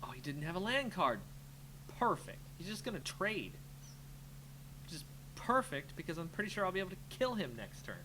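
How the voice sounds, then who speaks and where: Muttering his reactions and thoughts aloud, this man casually comments on a card game he's streaming live. He speaks at a moderate pace in a high, sing-song voice, and the recording carries clear background noise with a hum.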